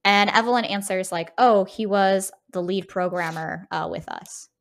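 In a casual chat about games, a female podcast co-host makes her points with emphasis, frequently tacking on short tag questions to check in. She speaks at a moderate pace in a mid-range voice.

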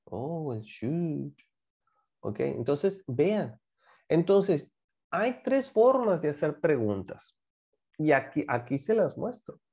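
A man's voice: on the high side, big pitch swings, slow, mellow, breathy edge. A man teaching a class, patiently explaining grammar and repeating examples while asking students to join in. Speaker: English teacher.

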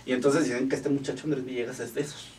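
A man's voice: medium pitch, little pitch movement, racing, darkish tone, distant mic. A man with a Mexican Spanish accent, co-hosting a casual podcast with sly, joking asides. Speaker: podcast co-host. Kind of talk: casual gossip chat.

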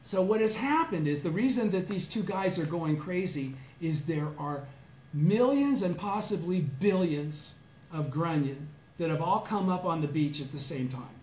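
A middle-aged man from Southern California tells a personal story to a small study group. He acts out his own past words, sometimes shouting or chanting. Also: on the high side, lively intonation, normal speed. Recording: echoey room with faint background noise.

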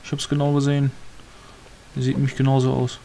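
A man's voice: medium pitch, completely flat delivery, fast, creaky, mellow. Rambling male let's player. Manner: rambling, muttering to himself, mildly grumbling. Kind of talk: casual gameplay commentary.

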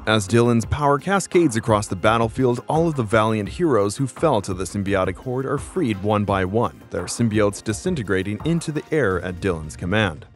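A man's voice: lowish voice, lively intonation, normal speed, hardly any pauses. A man giving a theatrical, emphatic scripted narration of a comic-book story as its narrator. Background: music.

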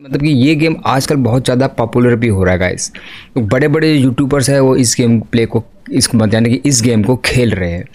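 A man's voice: mid-range voice, brisk, darkish tone. A man gives horror gameplay commentary in a mid-range voice, talking straight into a desk mic. He chats to his viewers and keeps calling them "guys". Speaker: gaming YouTuber. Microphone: desk microphone.

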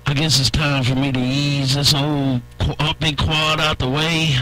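A man's voice: fairly high pitch, flat delivery, measured pace, sharp tone, poor audio. A man bantering on CB radio, teasing and scolding another operator. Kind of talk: CB radio chatter.

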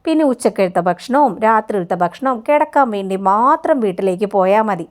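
A woman voicing a scheming, sharp-tongued middle-aged woman who taunts and sneers. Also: medium pitch, expressive, brisk, lightly acted. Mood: taunting. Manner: taunting, sarcastic.

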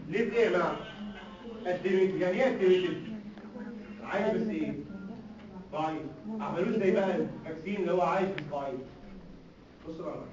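Fast-talking Egyptian man lecturing in an echoey hall. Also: sits high, a little hiss or hum. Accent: Egyptian Arabic. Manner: animated, rhetorical questions, joking asides. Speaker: medical lecturer. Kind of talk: recorded classroom lecture. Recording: distant, echoey, dull lecture-hall recording with faint ambience.

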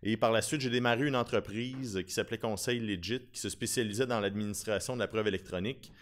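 Man, thirties, Québécois accent, slightly low voice, informal conference talk, chatty delivery. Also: steady tone, fast talker. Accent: Québécois French. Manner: informal, talkative, with self-deprecating humour. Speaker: conference speaker, lawyer specializing in digital forensics. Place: conference room at a lectern. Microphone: podium gooseneck microphone.

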